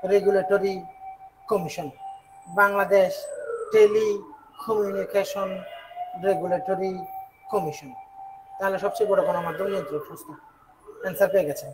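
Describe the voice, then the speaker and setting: A man from Bangladesh working through exam questions as a tutor, repeating key words and asking quick check questions. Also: sits high, slight background noise, poor audio. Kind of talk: exam question walkthrough lesson.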